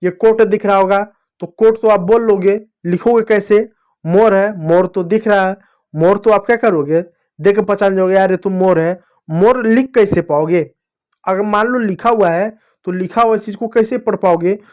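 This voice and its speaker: A man teaching children to read Hindi, asking the class questions and slowly drilling each letter sound. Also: sits high, darkish tone. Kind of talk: children's Hindi reading lesson.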